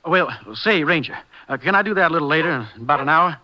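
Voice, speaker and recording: A man's voice: a little high, quick pace, bright, forceful tone. A man playing an obliging, chatty, folksy farm neighbour in a 1950s radio drama. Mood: hedging. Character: obliging, busy farm neighbour giving an alibi. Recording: muffled 1950s radio recording.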